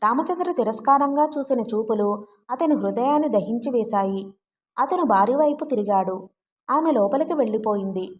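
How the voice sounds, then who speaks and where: A woman narrating a family novel as an audiobook in a steady, even storytelling manner. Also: fairly high pitch, normal speed. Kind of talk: scripted narration.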